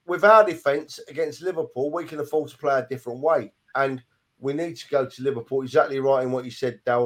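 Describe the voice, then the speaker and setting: Man, fairly high voice, casual football chat, emphatic, says you know a lot. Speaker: podcast co-host.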